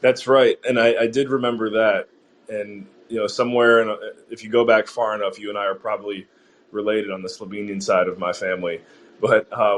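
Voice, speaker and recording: Low-voiced man hosting a casual chat. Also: slight background noise. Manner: rambling, friendly, many fillers and restarts. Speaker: podcast host.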